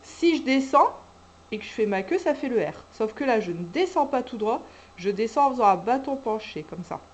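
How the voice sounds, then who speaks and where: Calm woman teacher explaining handwriting. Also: a little high, moderate pace, rough recording. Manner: calm, patient, talks through each stroke as she writes. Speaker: kindergarten teacher. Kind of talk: handwriting lesson, step-by-step.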